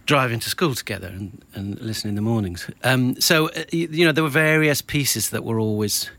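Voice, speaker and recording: A man's voice: medium pitch, fairly quick, fairly bright tone, no echo. A man hosting a casual interview, often restarting and repeating words as he thinks. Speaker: host.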